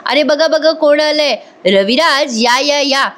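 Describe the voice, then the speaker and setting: A woman's voice: on the high side, normal speed, a bit bright, lightly acted. A woman reading the lines of a delighted elderly grandmother who welcomes family.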